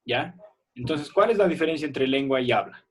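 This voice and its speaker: A man's voice: fairly high pitch, animated, brisk, slightly rough. A man teaching a primary school class on a video call, patient and checking that students follow. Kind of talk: online class explanation.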